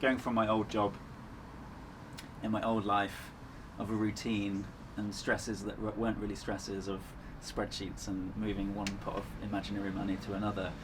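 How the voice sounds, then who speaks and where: A man with a fairly low voice talks casually as a guest in an interview. His way of speaking is earnest and reflective. Clear ambient noise sits behind his voice. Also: flat delivery, moderate pace. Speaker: endurance runner, interview guest. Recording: clearly noisy ambient background.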